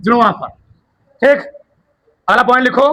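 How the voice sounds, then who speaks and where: A male teacher giving a classroom lesson, dictating notes slowly with repeated key words and firing quick check questions at his students. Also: very high-pitched, pushed and bright, low-quality recording.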